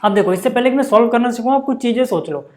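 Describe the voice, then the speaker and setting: A man's voice: extremely high pitch, lively intonation, a little mellow. Male maths tutor, patient and repetitive, checks in constantly with rhetorical questions. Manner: patient, repeats examples slowly. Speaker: maths teacher. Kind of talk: whiteboard maths lesson.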